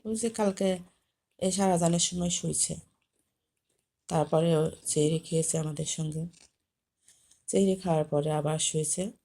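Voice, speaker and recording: A woman's voice: low voice, steady tone, moderate pace, pauses often, warm tone. A woman vlogger talking to camera while coaxing and scolding her cat to get off the bed. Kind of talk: casual chat to camera.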